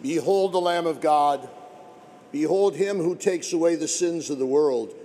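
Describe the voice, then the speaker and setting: A clergyman leading Mass in a measured, solemn recitation, heard in a large church with a cathedral echo. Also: on the high side, warm tone, a little hiss or hum. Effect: cathedral echo, long church reverb. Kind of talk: liturgical recitation. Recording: long church reverb, voice set back from the mic.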